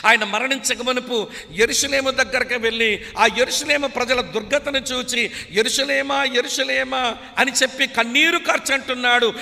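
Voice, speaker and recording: A man's voice: very high voice, sharp tone, big-room sound. A man from Srikakulam preaching a sermon in an impassioned way, repeatedly urging his listeners to listen. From Srikakulam, India.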